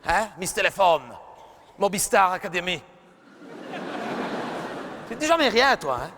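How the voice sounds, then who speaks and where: A man's voice: sits high, animated, a little slow, sharp tone, a little hiss or hum, exaggerated voice. A man voicing a nagging middle-aged mother who scolds her daughter in a live stand-up sketch, fussing and repeating herself. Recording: reverberant live arena recording.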